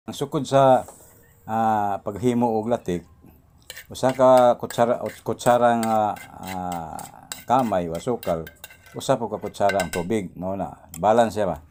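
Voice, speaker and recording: A man's voice: on the low side, measured pace, long pauses, a little mellow, slight background noise. A man giving a casual cooking demonstration in his kitchen, chatting and laughing as he films with a phone in one hand. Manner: chatty, laughs often, talks while working. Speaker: cooking vlogger. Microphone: phone camera held in one hand.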